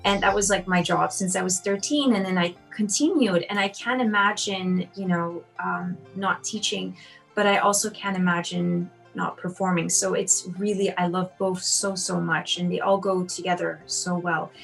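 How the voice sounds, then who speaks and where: On a low-quality recording, a piano teacher and competition judge in her thirties, raised in Austria, responds to children's interview questions in a chatty, encouraging manner full of ums and you-knows. Her voice sits low and creaky, with fairly even intonation and a moderate pace.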